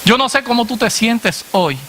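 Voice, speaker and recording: A man preacher delivering a sermon to a congregation, asking "what?" and answering himself in a lower voice, addressing listeners as brother. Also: lively intonation, normal speed, fairly bright tone, a little hiss or hum. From Latin America. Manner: call-and-response questions, dropping low on the answer.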